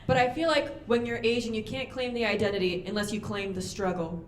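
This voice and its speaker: A young woman doing a stand-up comedy set on a club stage, delivering deadpan punchlines and quick acted-out voices into a handheld mic. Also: medium pitch, a little hiss or hum. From United States. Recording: roomy club with audience ambience.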